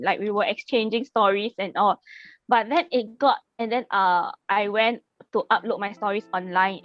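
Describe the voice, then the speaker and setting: Woman, twenties, Singaporean accent, fairly high voice, chatty guest, laughs a lot, faint music behind. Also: dry recording, highs cut off. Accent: Singaporean English. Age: 20s. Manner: chatty, laughs often, hesitant fillers. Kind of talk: casual podcast chat.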